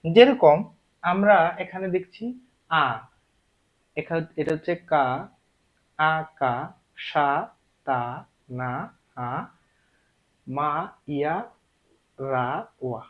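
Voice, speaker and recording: A man's voice: fairly high pitch, drawn-out words, long pauses. A man teaching Japanese script step by step, explaining each stroke and repeating the syllables aloud. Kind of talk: slow step-by-step lesson. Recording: dull lo-fi recording.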